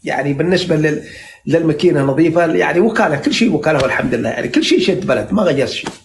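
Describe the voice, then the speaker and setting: A man in his sixties speaks with a Najdi Saudi accent, rattling on at a very fast clip in a slightly high voice. He rambles and flatters, stacking fillers and restarting his sentences. He is talking into a phone on a live stream. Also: a little hiss or hum. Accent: Najdi Saudi Arabic. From central Saudi Arabia. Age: 60s. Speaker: dream interpreter on a live stream. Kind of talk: casual live chat.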